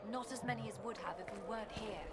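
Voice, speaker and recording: A woman's voice: a little high, quick pace, a loud crowd, very noisy, close to an everyday voice. An actress playing a cold, ruthless woman spymaster in a video game, clipped and commanding. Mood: stern.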